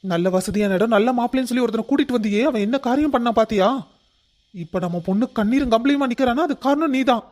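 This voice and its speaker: A protective father in a cartoon family drama, his voice pitched rather high for a man, as a man acts him out. He lays down the law firmly and will not back down. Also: quick pace, a little mellow. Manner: firm, commanding. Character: middle-aged father, firm and protective.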